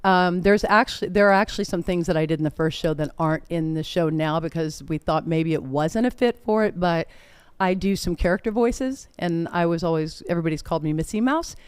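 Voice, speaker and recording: A woman's voice: fairly low pitch, a little fast, clear, resonant tone, no room sound. A middle-aged woman telling stories in a casual interview, chatty and laughing often. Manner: chatty, laughing, animated storytelling. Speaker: performer and guest.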